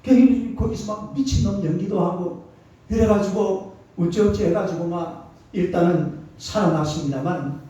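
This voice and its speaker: A man preaches to his congregation in a colloquial, call-and-response style, always asking them to repeat after him. His voice sits high and mellow. The recording is dull and distant, with a heavy hall echo. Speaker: pastor. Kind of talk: sermon. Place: church sanctuary.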